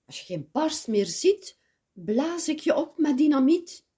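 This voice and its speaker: A woman voicing a menacing, boastful male wolf in a storybook reading, threatening and loud. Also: sits high, big pitch swings, measured pace, voice pushed up.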